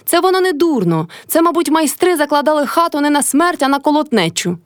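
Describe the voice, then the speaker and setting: A woman's voice: high voice, very animated, fairly quick, no room sound, clean studio sound, pitched above the performer's own voice. A woman voicing a quarrelsome old peasant mother-in-law who screeches and wails in a storybook reading. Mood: fretful. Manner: screeching, wailing.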